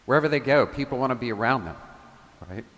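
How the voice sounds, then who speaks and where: A man who is a parish priest, giving a homily in a relaxed, conversational way, telling stories with casual asides. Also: medium pitch, fast talker, long reverb tail.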